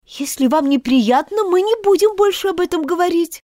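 A woman's voice: very high-pitched, lively intonation, normal speed, mellow, no room sound, studio quality, voice pushed up. A woman reading an audiobook and voicing Alice, a polite, chatty little girl who pleads and apologizes. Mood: eager. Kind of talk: audiobook character voice.

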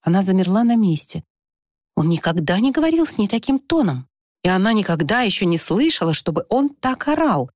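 A woman narrating an audiobook in an expressive reading style, lifting her voice in the tense moments. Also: brisk, dry recording, clean studio sound. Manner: expressive reading, rising pitch for the anxious heroine. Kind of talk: scripted narration.

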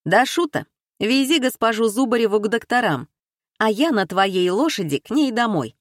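Woman reading male detective, brisk, commanding, calm, dry sound. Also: on the high side, no room sound, pitched above the performer's own voice. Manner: brisk, giving orders.

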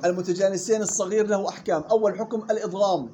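A man teaching Quran recitation rules. He models the words slowly and quizzes his students. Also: high voice, steady tone, warm tone, slight background noise. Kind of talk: tajweed lesson.

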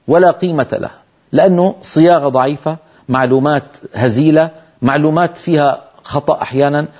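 Male tajweed teacher, scholarly and hesitant with fillers, drawn-out recited examples, dark timbre. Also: on the high side, breathy edge, dull audio. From Syria. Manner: explains slowly, then recites example words drawn out. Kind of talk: televised tajweed lesson.

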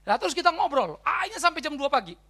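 A male pastor with a Batak accent, preaching a sermon in a lively, conversational storytelling way and acting out bits of dialogue. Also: extremely high pitch, fast. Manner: animated storytelling, conversational asides; acts out dialogue in his story.

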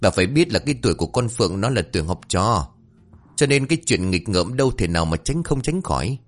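A man's voice: lowish voice, big pitch swings, fast talker, soft background music. A man voicing a stubborn, arrogant middle-aged father who dismisses complaints. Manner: dismissive, blustering.

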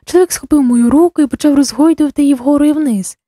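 A woman narrating an audiobook in a measured, expressive way. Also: high-pitched, no room sound, clean studio sound.

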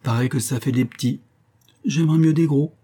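A man voicing a dim-witted, brutish male convict with a slow, thick-headed delivery. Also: mid-range voice, dark tone, pitched above the performer's own voice, lightly acted. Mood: gleeful.

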